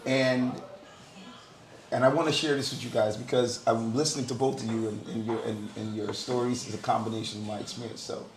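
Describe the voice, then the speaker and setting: The panel speaker, a middle-aged Guyanese man, speaks briskly in a mid-range voice with fairly even intonation, sharing his story candidly in a group discussion and repeating words for emphasis. Slight background noise and crowd murmur fill the roomy sound.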